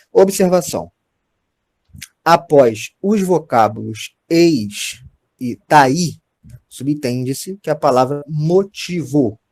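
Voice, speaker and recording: A man's voice: fairly high pitch, darkish tone. Didactic Brazilian man teaching grammar. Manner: explains patiently, often checks in with "tá certo?" and "gente". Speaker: Portuguese teacher. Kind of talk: recorded grammar lesson.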